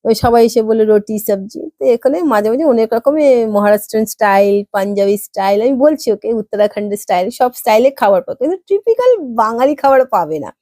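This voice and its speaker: A woman's voice: a little high, quick pace, no echo, studio quality. A woman from Kolkata with a West Bengal accent, telling a story to her viewers in a chatty vlog style and acting out the dialogue. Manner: lively, acts out dialogue in voices. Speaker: vlogger.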